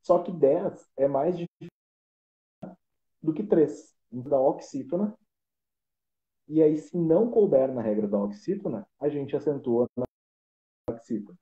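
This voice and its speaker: Man, Portuguese teacher, very dark mellow tone, roomy lo-fi stream sound, patient step-by-step explainer. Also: fairly high pitch, lively intonation, measured pace, long pauses. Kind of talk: casual explanatory lesson. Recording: roomy, dull lo-fi live stream audio.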